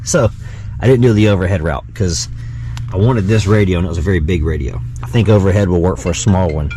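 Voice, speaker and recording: A vlogger shows how to install a car radio, working inside the vehicle and thinking aloud in a casual, folksy how-to. His deep voice is quick and warm, and vehicle background noise is clearly audible.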